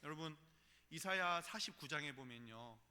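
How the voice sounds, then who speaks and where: A bright, ringing man's voice with a fairly high pitch, preaching earnestly in a church. He surges loud on key phrases and falls to a hush between them. A long hall reverb trails every word. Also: lively intonation, normal speed, clean tone. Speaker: pastor. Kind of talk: sermon. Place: church sanctuary.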